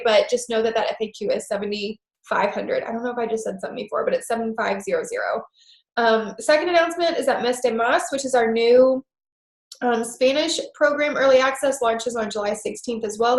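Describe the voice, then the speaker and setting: Despite a stuffed-up head cold, a coaching group's team leader hosts a conference call with announcements, upbeat and chatty. Her slightly high voice is brisk, the sound roomy, and she's full of enthusiasm, with many "super"s and "um"s.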